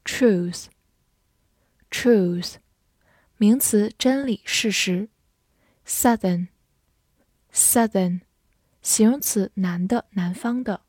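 Clear, patient woman teaching vocabulary. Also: medium pitch, darkish tone, no echo, studio quality. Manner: clear, patient spelling out of words, slow model readings. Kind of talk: vocabulary lesson.

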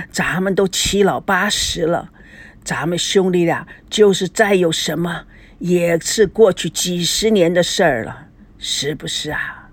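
Woman doing a grieving old man, low husky voice, slow pleading delivery, breathy. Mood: coaxing. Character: grieving old man, tender with his brother.

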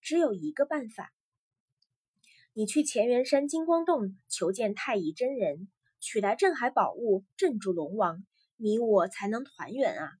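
Soft pleading sea maiden, a lady reading her lines, husky higher voice, dry sound. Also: expressive, a little slow, no room sound. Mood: urgent. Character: gentle, tearful young sea maiden.

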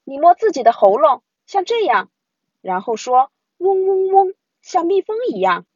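A woman's voice: high-pitched, big pitch swings, normal speed, breathy edge, dry recording, muffled recording, voice pushed up, exaggerated voice. A woman voicing a confident big sister in a storybook, who explains things in a bossy, reassuring way.

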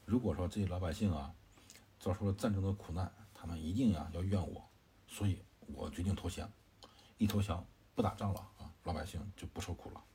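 A man doing a calm, deep-voiced wavering commander. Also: slight background noise, lightly acted. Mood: reasoning. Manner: plain conversational retelling with drawn-out particles. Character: adult male commander, wavering, reasoning calmly.

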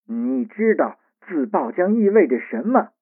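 A man's voice: sits high, very animated, measured pace, slightly rough, voice pushed up, exaggerated voice. A man voicing a stern male lord who gives urgent commands over a radio channel. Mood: urgent commanding. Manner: demanding, urgent. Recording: tinny radio line.

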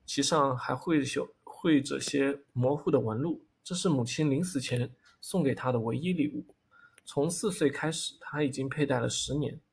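A male audiobook narrator reads a fantasy novel with a steady storytelling delivery. His gravelly, husky voice sits at a middle pitch.

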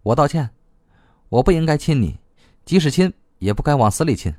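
A man's voice: a little high, very animated, a little fast, darkish tone, dry recording, studio quality, voice pushed up. A man voicing a blunt, hot-tempered young woman in an audiobook, scolding and swearing. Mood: gruff teasing. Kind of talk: audiobook reading.

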